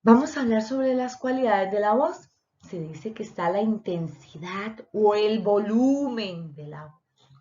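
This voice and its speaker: A woman's voice: medium pitch, lively intonation, a little slow, warm tone. A woman teacher, explaining a lesson and speaking directly to her students. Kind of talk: online voice lesson. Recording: dull lo-fi recording.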